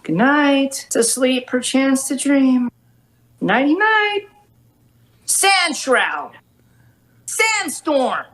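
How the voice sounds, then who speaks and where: Lady doing drowsy slacker kid from a game, high voice, super slow languid murmur. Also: very animated, a bit bright, exaggerated voice. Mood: drowsy calm. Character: sleepy, laid-back, unbothered young slacker boy. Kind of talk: video game character catchphrases.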